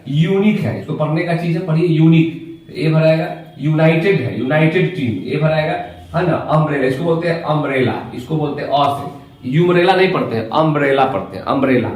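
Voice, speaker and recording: A man's voice: a little high, a little fast, a little mellow, recorded from a distance. A man teaching an English class, repeating words and asking the class questions as he drills them. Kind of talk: classroom lesson. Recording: very echoey room, voice from afar.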